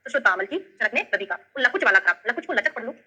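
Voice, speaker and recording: A woman's voice: a little high, animated, fast talker, pushed and bright, poor audio. A woman with a Bundelkhandi accent teaching an online lesson, explaining step by step and checking in with her students. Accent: Bundelkhandi Hindi. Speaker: Ayurveda tutor. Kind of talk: online lesson with memory tricks.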